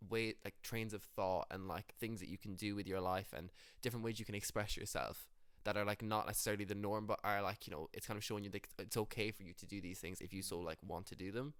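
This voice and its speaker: A man's voice: on the low side, steady tone, fast, hardly any pauses, fairly bright tone, smooth, dry recording, studio quality. A young adult man with an Irish accent, a musician and teacher chatting in an interview, jokey and full of "like". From Ireland. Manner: chatty, jokey, heavy use of "like". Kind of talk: casual interview chat.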